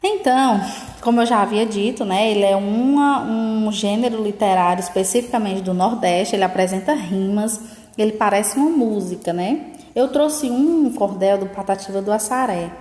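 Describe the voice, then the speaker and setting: A woman teacher gives a lesson in an explanatory tone, often checking in with quick tag questions. Her voice sits at a middle pitch. The recording rings with echo, and a long reverb trails after her words. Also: darkish tone. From Northeast Brazil. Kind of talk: remote school lesson. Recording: echoey room with long reverb.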